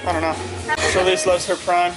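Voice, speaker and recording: A young man chatting casually in a garage, calmly explaining how the clothing boxes are labeled. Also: sits high, a little fast, music in the background, poor audio. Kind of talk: casual chat.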